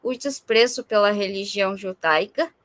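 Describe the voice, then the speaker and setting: A woman on a livestream slowly reading a religious text aloud in a measured, careful way. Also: medium pitch, a bit bright, no room sound. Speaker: reader on a livestream.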